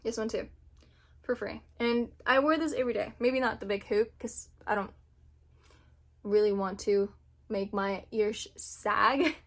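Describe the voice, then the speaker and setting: A woman in her twenties from Indonesia, chatting casually to camera as a vlogger, animated and laughing often. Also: medium pitch, measured pace, long pauses. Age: 20s.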